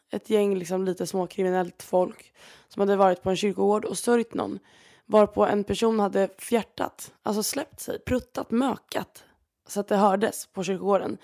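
A woman hosts a podcast alone, rambling through her week's stories with plenty of fillers. Her voice sits at a middle pitch with a gravelly, fry-heavy edge. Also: a little mellow. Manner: chatty, rambling, many fillers. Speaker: podcast host. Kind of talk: casual storytelling monologue.

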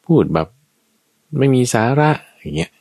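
A man's voice: moderate pace, a little mellow, no echo. A man teaching Buddhist ethics in a conversational way, going point by point with everyday examples. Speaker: dharma teacher.

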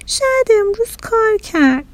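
Lady putting on a little boy voice, way high, pleading and sweet, storybook kid. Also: very animated, no room sound. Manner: pleading, childlike.

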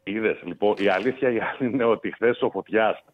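A male caller with a fairly low voice, heard over a thin, tinny phone line. He talks earnestly and chattily, as if to a friend. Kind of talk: casual phone-in chat.

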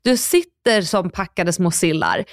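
A woman from Sweden co-hosting a podcast, telling stories in a lively, casual way with swearing and acted-out quotes. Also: fairly low pitch, dry recording, clean studio sound. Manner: animated storyteller, swears casually, acts out others' lines. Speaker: podcast co-host. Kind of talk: casual chat.

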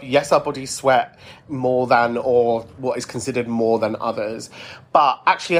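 British male host, mid-pitched, conversational and reflective, casual podcast delivery. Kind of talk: casual chatty monologue answering listener messages.

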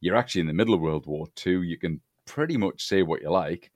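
A man's voice: low-pitched, animated, fast, no echo, clean studio sound. A man hosting a podcast, chatting casually about a film, with frequent fillers and agreeing noises. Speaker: podcast host.

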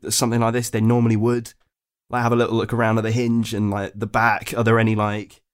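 A man's voice: lowish voice, monotone, fast, smooth. A man playing a tabletop role-playing game in a casual, playful way, half acting out his character.

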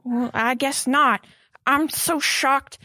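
A woman's voice: sits high, steady tone, slow pace, sharp tone, no echo, exaggerated voice. A woman playing a fluttery, proper housewife. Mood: shaken. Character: prim middle-aged housewife, nervous hostess. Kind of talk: 1940s radio drama acting.

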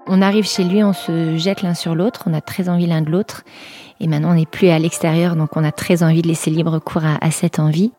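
A woman, recounting a personal memory in a chatty, halting way with many fillers and restarts. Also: low-pitched, little pitch movement, warm tone, faint music behind. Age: 40s. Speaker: guest telling her story. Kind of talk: personal testimony storytelling.

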